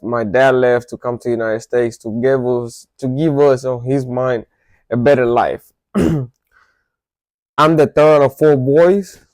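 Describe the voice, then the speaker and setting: A Salvadoran man vlogs to camera, telling his viewers his life story in a loose, conversational way full of false starts and self-corrections. His voice is mid-range and a little mellow, and the recording is dry.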